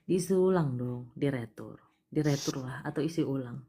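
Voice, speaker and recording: A woman hosting a live palm-reading stream, talking to a caller in a coaxing way and often dropping to a hushed voice. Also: rumbling low, moderate pace, husky. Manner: coaxing, repeatedly urging the caller to cry; drops to soft, hushed delivery.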